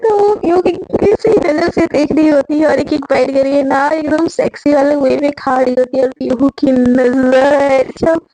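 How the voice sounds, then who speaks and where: A woman's voice: sits high, steady tone, normal speed, few pauses, dark tone, low-quality recording. A woman narrating a romance story in a chatty, casual way, full of filler words and repeats.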